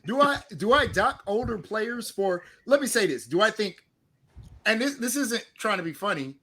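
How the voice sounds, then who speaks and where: A man's voice: sits high, lively intonation, normal speed, pushed and bright. A man co-hosting a podcast, arguing sports in a casual, teasing way and laughing often. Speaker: podcast co-host.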